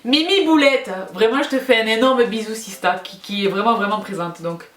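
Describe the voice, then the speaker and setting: A woman with a mid-range, fairly bright voice talks fairly quickly as a video host, doing a casual Q&A with her followers. She's affectionate and emphatic, tends to repeat her phrases, and the recording sounds echoey and roomy.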